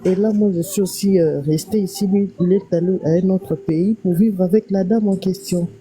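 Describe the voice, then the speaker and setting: A woman caller on a live stream, with a very dark, mellow tone and a fairly low voice. She lays out her story steadily, going over it again in detail. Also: fairly even intonation, normal speed, a little hiss or hum, poor audio. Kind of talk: casual call-in question.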